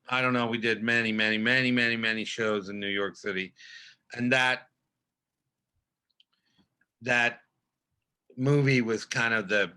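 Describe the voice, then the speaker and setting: A man's voice: medium pitch, sharp tone, clear, resonant tone. An older male actor, a podcast guest, telling stories in a casual, rambling way with many restarts.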